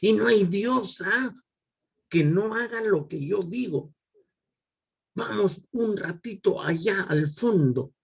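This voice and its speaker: Guy putting on a bossy lecherous god-king, full of himself, kinda gravelly. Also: high-pitched, animated, slow pace, pitched above the performer's own voice, full character voice. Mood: boastful. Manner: commanding, self-important. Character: boastful lecherous male king of the gods.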